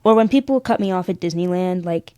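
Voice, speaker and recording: Sassy, animated woman telling stories. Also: lowish voice, a little fast, clear, resonant tone, no echo, studio quality. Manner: animated, sassy, acts out voices in her stories. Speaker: podcast guest. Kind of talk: casual storytelling chat.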